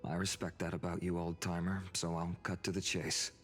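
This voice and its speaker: An actor playing an earnest young hero in a video game, speaking politely and in a measured way. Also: male voice, low voice, little pitch movement, faint music behind, lightly acted. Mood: serious, measured.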